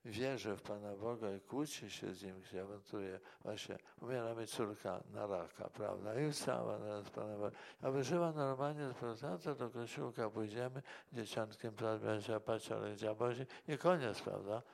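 A man's voice: lowish voice, fairly even intonation, normal speed, gravelly, few pauses, a little mellow. A man, a monk and priest, answering interview questions in a rambling way and often tagging his remarks with a questioning "right?". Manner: rambling, tags remarks with "prawda?".

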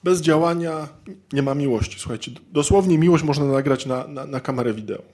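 A man's voice: fairly high pitch, brisk, a little mellow. A man giving an informal, humorous talk to an audience of men, chatty and constantly adding little tag questions as he acts out everyday scenes. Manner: conversational, peppers sentences with tag questions. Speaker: speaker addressing men about marriage.

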